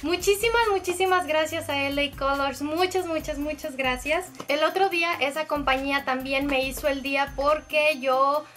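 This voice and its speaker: A young woman vlogger chatting excitedly as she unboxes makeup, gushing and squealing with delight. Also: sits high, normal speed, few pauses, soft background music. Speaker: beauty vlogger.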